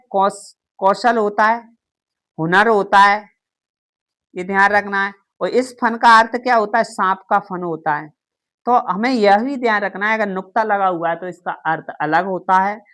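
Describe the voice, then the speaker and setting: A woman's voice: mid-range voice, a bit bright. A woman teaching a grammar lesson, who keeps asking questions and answering them herself. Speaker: Hindi teacher.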